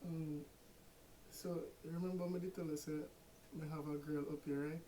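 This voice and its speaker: A man's voice: fairly high pitch, level tone, normal speed, dark tone, a little hiss or hum. A young man with a Jamaican accent, talking casually on a phone call and pleading and coaxing in turns. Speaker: prank vlogger. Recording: roomy echo.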